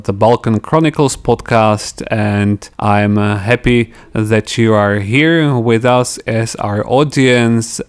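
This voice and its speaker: Halting male podcast host. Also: fairly low pitch, smooth. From Slovakia. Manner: halting, searching for words. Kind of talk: casual interview chat.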